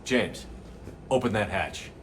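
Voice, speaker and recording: An actor playing a terse, steely military commander in a video game cutscene, with a low, firm voice. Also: male voice, animated, takes it slowly, slight background noise. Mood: grim, terse. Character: steely, decisive military commander, adult man. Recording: loud soundtrack music behind dialogue.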